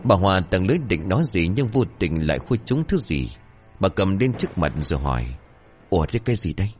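Casting: male storyteller for horror tales, very deep, lively swoops, faint music behind. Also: fairly quick. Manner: dramatic, suspenseful. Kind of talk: scripted horror story narration.

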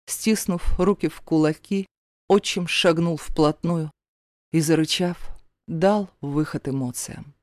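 A woman's voice: low voice, slow pace, a little mellow, no echo, clean studio sound. Woman narrating a dramatic audiobook. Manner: dramatic, emotional storytelling. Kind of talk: scripted first-person narration.

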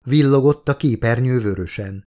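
Casting: male author-narrator, middling pitch, steady measured audiobook reading. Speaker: author reading his own book.

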